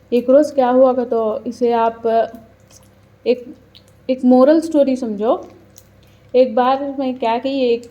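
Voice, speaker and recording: A woman's voice: fairly high pitch, dark tone. A woman with a Hyderabadi accent telling a personal story in a casual, earnest way, acting out what people said. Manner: earnest, chatty, quotes people aloud. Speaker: mother telling her story.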